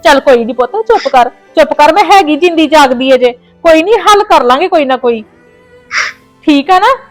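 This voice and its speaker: A woman's voice: high voice, lively intonation, moderate pace, no room sound, faint music behind. Woman as a protective Punjabi mother. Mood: soothing, indignant. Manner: soothing, scolds the in-laws. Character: worried middle-aged mother, fiercely protective. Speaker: mother on the phone. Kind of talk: family drama acting.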